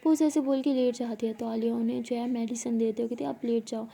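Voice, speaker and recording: A young woman tells a romance story in a relaxed, chatty way, slipping into the characters' lines as she goes. Her voice sits high but sounds dark and mellow, with a gravelly, husky texture. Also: quick pace. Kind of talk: casual spoken storytelling with voiced dialogue.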